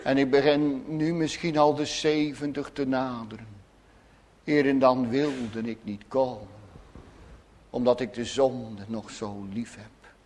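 A man preaching a sermon, swinging between loud urgent pleading and soft hushed asides. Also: medium pitch, steady tone. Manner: slow, deliberate preaching. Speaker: pastor.

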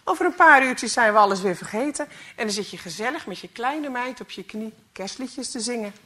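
A woman's voice: fairly high pitch, animated, fairly quick, bright, forceful tone, slight background noise. A woman reading a story aloud, voicing a good-humoured male radio operator who teases his grumpy colleague. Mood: teasing.

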